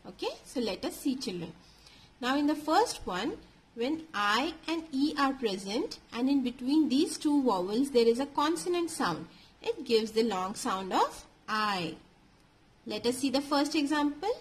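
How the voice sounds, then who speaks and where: A woman teaching a phonics lesson to children, spelling out letters and repeating each word slowly and carefully. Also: on the high side, a bit bright, husky.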